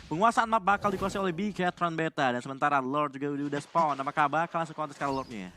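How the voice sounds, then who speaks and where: A man's voice: a little high, fast, noisy background. A man with an Indonesian accent giving eager live play-by-play commentary on a video game match as an esports commentator.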